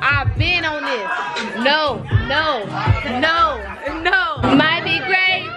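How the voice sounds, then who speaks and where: A woman's voice: high voice, very slow. A young woman chatting casually with family for a vlog on a handheld camera in a busy home. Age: young adult. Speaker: vlogger. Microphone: handheld camera at arm's length. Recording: loud music and crowd chatter behind.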